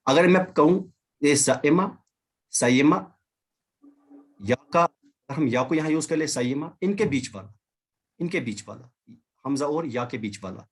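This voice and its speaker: A man's voice: fairly high pitch, breathy edge. A man teaching an online language class over a video call, patiently repeating and drilling examples. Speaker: Arabic teacher.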